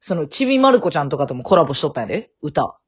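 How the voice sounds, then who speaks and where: Teasing Kansai woman with a husky voice. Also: low voice, very animated. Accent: Kansai Japanese. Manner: teasing, quick banter. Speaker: podcast co-host. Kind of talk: casual chat. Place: at her family home. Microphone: remote call. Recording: dull lo-fi audio.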